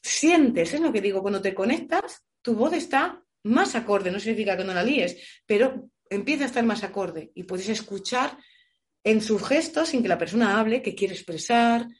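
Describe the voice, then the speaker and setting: A woman voice coach answering audience questions with lively, expressive advice. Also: medium pitch, normal speed. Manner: warm, expressive, illustrates with shouts and playful voices. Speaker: voice coach guest.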